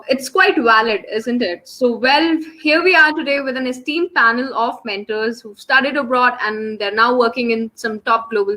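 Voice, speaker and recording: A woman's voice: sits high, sharp tone, low-quality recording. A young woman with an Indian English accent, hosting and presenting a live online webinar for students. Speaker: webinar host. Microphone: online call microphone.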